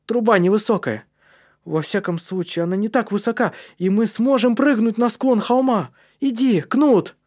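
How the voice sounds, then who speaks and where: A man's voice: high voice, normal speed, a little mellow, voice pushed up, natural voice. A man doing a strong, eager boy. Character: strong brave boy leading his friends.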